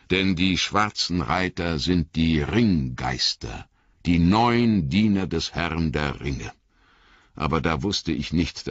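A man reads a storybook in the exaggerated voice of a grave, gentle old wizard, deep and husky, slow but swooping widely in pitch. The recording has no echo and comes across somewhat dull and lo-fi.

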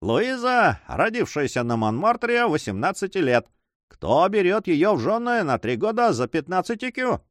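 A man voicing a mocking male auction agent who calls out bids in a drawling monotone. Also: high-pitched, normal speed, no echo, studio quality, pitched above the performer's own voice. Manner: drawling, sneering.

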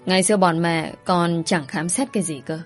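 A woman's voice: on the low side, fairly even intonation, fairly quick, faint music behind, close to an everyday voice. A woman voicing a disapproving, grumbling elderly mother-in-law in an audio story.

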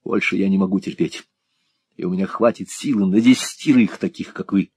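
A man's voice: sits low, a little fast, slightly rough. A man voicing a young, righteous male teacher who speaks firmly and defiantly against cruelty. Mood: outraged. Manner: firm, defiant, rising to angry shouts.

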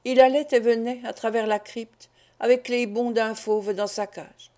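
A woman reading a classic novel aloud as an audiobook, in a measured, expressive way. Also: a little high. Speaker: audiobook narrator. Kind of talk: scripted narration of a classic novel.

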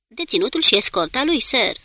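A man's voice: extremely high pitch, sing-song, bright, forceful tone, pitched above the performer's own voice, full character voice. A woman reading a formal male naval lieutenant who speaks in a ceremonious, clipped way.

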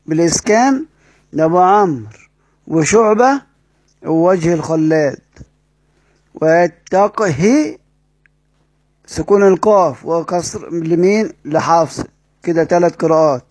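A man's voice: on the high side, normal speed, darkish tone, dry recording. A man with an Egyptian accent teaching Quran recitation rules, repeating key phrases and asking and answering his own questions. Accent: Egyptian Arabic. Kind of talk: classroom explanation.

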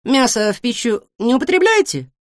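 A woman's voice: on the high side, no echo, clean studio sound, voice pushed up. A woman voicing a chatty, nosy young female guinea pig in a storybook, firing off questions one after another. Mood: chattering. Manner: rapid-fire questions, excitable and squealing. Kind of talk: storybook reading.

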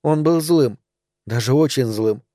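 Man voicing a gentle young mother, soft, tender, warm mellow tone. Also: mid-range voice, a little slow, dry recording, clean studio sound, natural voice. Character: gentle young mother comforting her daughter.

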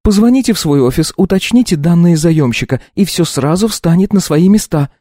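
A man's voice: fairly high pitch, animated, fairly quick, mellow, no echo, clean studio sound, pitched above the performer's own voice. A man voicing a frightened young woman in an audiobook, pleading and near tears. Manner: pleading, tearful, breathless. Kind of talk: audiobook reading.

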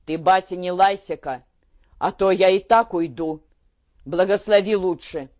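A man reading an audiobook, voicing a calm, strong-willed young peasant daughter who speaks steadily and firmly. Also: high voice, unhurried. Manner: steady, firm, plain-spoken.

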